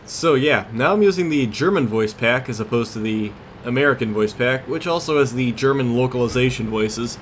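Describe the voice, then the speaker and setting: Animated and speaking at a moderate pace with few pauses, a man of medium pitch hosts a let's play series, casually talking through short tactical ideas. Vehicle and battle sounds from a tank game are clearly present in the background.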